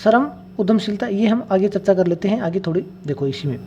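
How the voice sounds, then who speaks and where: A woman's voice: mid-range voice, expressive, a little fast, warm tone, muffled recording, a little hiss or hum. A woman teacher giving an exam-prep classroom lecture, asking rhetorical questions, answering them herself and repeating the key phrases.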